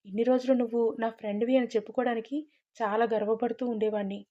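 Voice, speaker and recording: A woman voicing an angry, protective young man who shouts and scolds his best friend. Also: a little high, level tone, fast talker, highs cut off, lightly acted. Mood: scolding.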